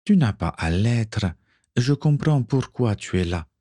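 A man's voice: medium pitch, lively intonation, unhurried, mellow, no echo, pitched above the performer's own voice. A man voicing a caring, teasing Russian woman who cooks aboard a ship, in a read-aloud story. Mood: gentle.

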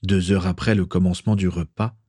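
A man reading a story aloud as narrator, steady and measured. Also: low-pitched, no echo, clean studio sound.

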